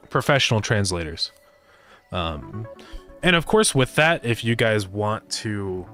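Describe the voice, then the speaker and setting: A man with a deep, low voice talks casually through a game-development stream. He thinks aloud and answers viewers' messages with easygoing fillers. Faint music plays underneath. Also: a bit bright. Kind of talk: casual live-stream chat while coding.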